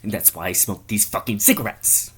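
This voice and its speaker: A man's voice: lowish voice, animated, fairly quick, fairly bright tone, slightly rough, heavily acted. A man voicing a stressed, swearing male chain smoker who rants about debt in a weary voice. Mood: ranting.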